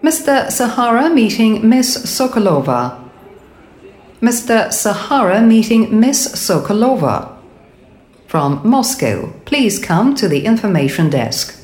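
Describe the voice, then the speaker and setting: A woman's voice: fairly high pitch, sing-song, slow, darkish tone. Airport PA announcer, female, acted: formal repeated pages, lilting intonation, echoey sound. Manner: formal, repeats each message. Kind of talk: public address announcement.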